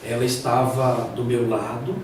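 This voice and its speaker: A man's voice: mid-range voice, little pitch movement, unhurried. A man, a pastor, teaching a theology class in a conversational way, often acting out the voices of the people he quotes. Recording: echoey room, distant mic, noisy.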